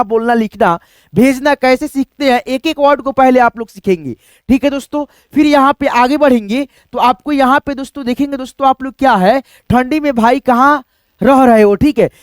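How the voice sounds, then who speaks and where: A man's voice: very high-pitched, no echo. A man teaching a spelling lesson, explaining step by step, repeating each letter and calling viewers his friends. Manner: steady explaining, constantly addresses viewers as friends. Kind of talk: screen-based spelling lesson.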